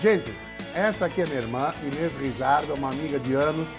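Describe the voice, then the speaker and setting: A man's voice: on the high side, fairly quick, music in the background. A middle-aged man hosting a TV cooking show, chatting in a jokey, folksy way on a lapel mic. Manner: jokey, explains with folksy asides. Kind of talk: casual TV cooking chat. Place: rustic open-air kitchen set.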